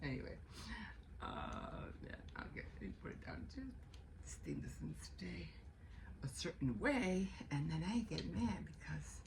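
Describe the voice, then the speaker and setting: Toothless-sounding woman chatting casually, lowish voice. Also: big pitch swings, measured pace, gravelly, darkish tone. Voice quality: toothless speech, without dentures. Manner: rambling, talking low at times. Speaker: vlogger. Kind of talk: casual morning chit-chat. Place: indoors at home, bedroom. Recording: noisy home recording.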